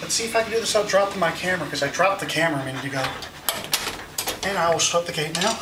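A man guides the listener through an elevator ride with eager, explanatory enthusiasm. He sounds set back from the camera mic in a boomy little cab. A heavy wash of noise sits under everything he says. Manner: eager, explanatory, points things out. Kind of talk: casual guided walkthrough. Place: inside a small elevator cab in a building. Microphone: handheld camera mic. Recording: roomy, distant, loud background noise.

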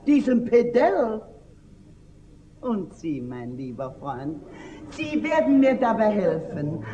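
A fussy, nosy spinster schoolteacher. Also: female voice, a little high, darkish tone. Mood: scheming. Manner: fussy, indignant, theatrical. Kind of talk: stage comedy acting. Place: theater stage.

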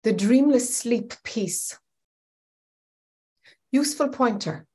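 Slightly high and a bit rough, this woman's voice moves slowly. In her fifties and teaching spirituality, she reflects aloud via webcam from a bookshelf-filled room at home, hunting for words while her hands gesture animatedly.

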